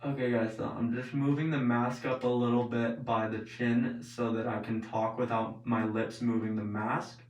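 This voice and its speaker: A man's voice: medium pitch, flat delivery, normal speed, few pauses, a little mellow, far from the mic. A man hosting a vlog, chatting casually and informally as he explains things, often saying "like" and "basically". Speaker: host of an experiment video series. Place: indoors, later in an echoey bathroom. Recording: roomy echo.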